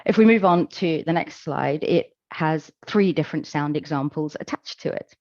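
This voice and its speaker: A woman giving a conference presentation, explaining in a measured, calm way with occasional fillers. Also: sits low, no room sound, dull audio. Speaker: conference speaker. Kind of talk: presentation talk.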